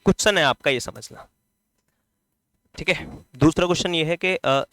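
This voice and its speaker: A man from India teaches English grammar, his Hindi accent carried by a bright, forceful, rather high voice recorded with no room sound. He poses questions to the class and then answers them himself. While writing on the board, he draws out important words slowly.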